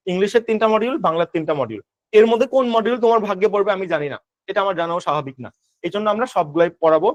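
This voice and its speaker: A young man with a Bangladeshi Bengali accent teaching an exam-prep lesson, firing quick rhetorical questions at his students. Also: high voice, no echo. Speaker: admission test tutor.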